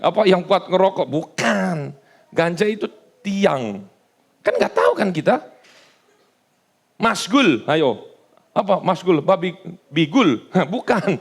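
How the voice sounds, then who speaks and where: Male pastor, gravelly voice, loose conversational sermon full of jokes. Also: high voice. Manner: casual, joking, conversational preaching. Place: church service.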